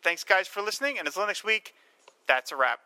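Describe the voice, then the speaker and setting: A man's voice: high voice, sing-song, fairly quick, sharp tone, clean tone. A man hosting a casual film podcast, speaking in an enthusiastic, emphatic way. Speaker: podcast host.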